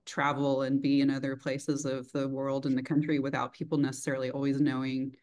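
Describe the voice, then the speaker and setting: Her pitch is extremely low and her delivery completely flat, fairly quick and a little mellow. This middle-aged host from rural Texas, with a mild Texan accent, interviews someone over a video call in a small room, reflective and informal, with frequent "like." Audio comes through a video-call mic at desk distance.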